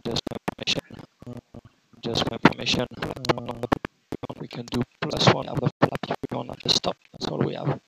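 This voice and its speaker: A man working as a race engineer talks a little fast in a gravelly, medium-pitched voice with a steady tone. He gives methodically repeated instructions on race car team radio via a headset. The onboard audio is radio-filtered and noisy, with clicks and engine sound.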